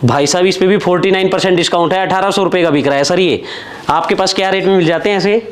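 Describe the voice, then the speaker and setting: A man with a slightly high voice hosts a casual shopping vlog inside a large indoor warehouse. He talks eagerly, exclaiming often and asking questions, recorded close on a clip-on mic. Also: fast. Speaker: vlogger host. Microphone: lapel mic.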